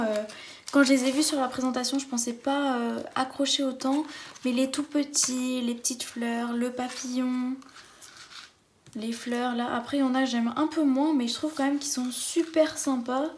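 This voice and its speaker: A craft vlogger chats enthusiastically with her viewers while unboxing a craft kit, keeping it casual. Her voice is high-pitched and a little mellow, with a slight hiss or hum in the recording.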